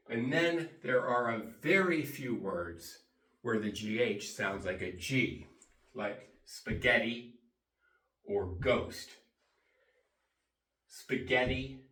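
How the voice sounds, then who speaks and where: Male English teacher for bilingual pronunciation lesson: very slow, deliberate, repetitive delivery, distant echoey room sound. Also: medium pitch, fairly bright tone. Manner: deliberate, repeats key words and spells them out.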